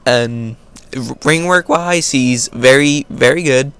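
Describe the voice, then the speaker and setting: In a casual question-and-answer vlog, an American host reads out viewer questions and tosses off easy replies. He speaks slowly, and his medium-pitched voice sounds smooth and a bit bright.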